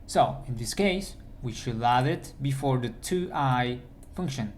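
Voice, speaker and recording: Male coding instructor, unhurried screencast delivery with a faint hum under the voice. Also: medium pitch, animated. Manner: thinks aloud while typing, with restarts. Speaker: programming instructor. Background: keyboard typing.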